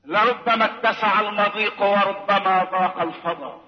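A man preaching an impassioned sermon, building a chant of shouted rhetorical questions. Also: high-pitched, fairly even intonation, normal speed. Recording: dull lo-fi recording in a reverberant hall.

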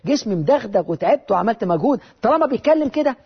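A man with an Egyptian Arabic accent giving a motivational talk, lively and rhetorical, with repeated phrases. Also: extremely high pitch, very fast, slightly rough, lo-fi sound. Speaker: motivational speaker.

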